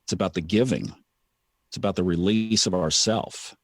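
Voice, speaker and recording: A low-voiced man hosts a podcast at a moderate pace, chatting casually in a reflective, storytelling manner. He repeats phrases for emphasis, and the recording is dry and studio quality.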